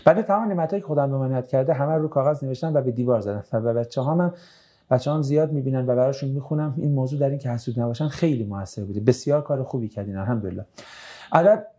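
A man teaching religion, reading out audience questions and answering them in a brisk, conversational way with dry joking asides. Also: mid-range voice, warm tone.

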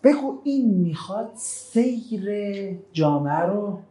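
Pitched high, this teacher's voice carries a Quran lesson in class: slow recitation of verses, glosses in plain language, and repeated questions to students whose answers he keeps turning down. His delivery turns animated whenever he drives a point home.

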